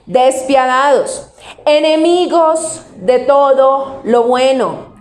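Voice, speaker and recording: Preaching with a Cali Colombian Spanish accent, this woman pastor from Colombia poses questions to her listeners and then answers them, slowing to emphasize individual words. Her voice is high and a little mellow, and the sound is reverberant.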